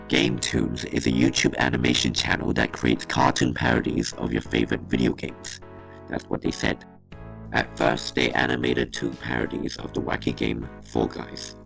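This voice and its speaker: A man speaks through a voice changer, so his disguised voice comes out extremely deep, monotone and gravelly. He delivers blunt, deadpan commentary, with music playing behind him. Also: low-quality recording. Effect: voice changer making a very deep disguised voice. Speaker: YouTube commentator. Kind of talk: opinionated commentary narration. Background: background music.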